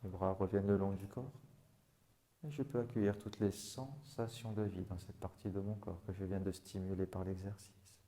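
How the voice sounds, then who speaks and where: A man leading a guided body-awareness and breathing exercise, giving slow, calm instructions in the first person. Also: low voice. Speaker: relaxation guide.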